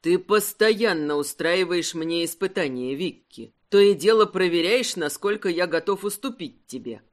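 A woman acting out a self-assured aristocratic earl from a romance audiobook, speaking low and unhurried with a wry, teasing edge. His lively delivery keeps every line measured and controlled. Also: natural voice. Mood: serious.

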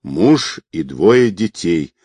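A man voicing a hoarse, groaning middle-aged criminal who is hostile and in pain. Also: low voice, big pitch swings, drawn-out words, a little mellow, no room sound, full character voice.

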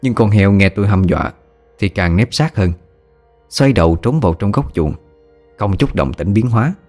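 A man narrates a first-person audio story in a steady storytelling manner. His voice is very low. Quiet music plays beneath the reading. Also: moderate pace.

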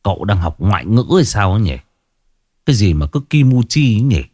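Nosy gossiping villager, voiced by a male narrator, low and curious, dry-sounding. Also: very animated, brisk, dark tone, no room sound. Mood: teasing. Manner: teasing, curious.

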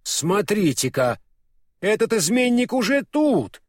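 A man doing an excitable, astonished townsman. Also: high voice, takes it slowly, no room sound, clean studio sound, voice pushed up, heavily acted. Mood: amazed. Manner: exclaims in surprise. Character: amazed, excitable man in a fairy-tale city. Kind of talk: audiobook character voice.

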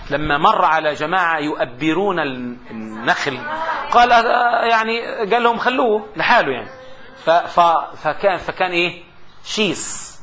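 A middle-aged man, giving a classroom grammar lecture, repeating terms for dictation and joking with his students. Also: high voice. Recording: muffled lecture recording with faint hiss.

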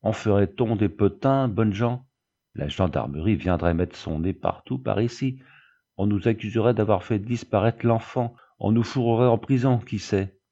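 An indignant, fretful peasant nurse cries out in rustic country speech, as a man reading the storybook puts her on. Her voice stays low and dark. A muffled lo-fi recording. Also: moderate pace.

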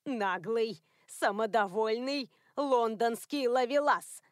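A woman voicing a stern, indignant elderly widow with a slow, scolding delivery in an audiobook. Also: a little high, no echo, studio quality, close to an everyday voice.

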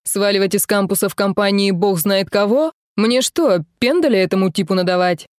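Audiobook: female narrator as mocking older teen brother, mid pitch, dry booth. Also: a little fast, no room sound, lightly acted. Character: teenage boy, protective teasing older brother. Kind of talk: audiobook character voice.

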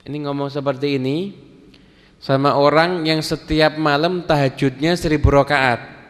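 A man preaching a sermon, telling stories in a relaxed way and acting out the dialogue. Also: a little high, normal speed. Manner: casual Javanese-flavoured Indonesian, acts out quoted dialogue. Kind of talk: sermon storytelling. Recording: long reverb of a hall.

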